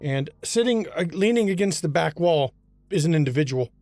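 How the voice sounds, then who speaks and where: A man narrating a tabletop role-playing game as game master, in a descriptive, unhurried storytelling manner. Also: a little high, lively intonation, darkish tone, dry recording, soft background music.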